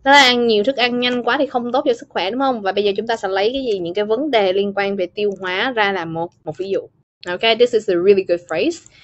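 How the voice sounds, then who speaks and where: An English teacher with a Vietnamese accent runs an online class, calling on students by name and explaining phrases. Her medium-pitched voice is a bit bright with no room sound, heard through dull, lo-fi, dry call audio.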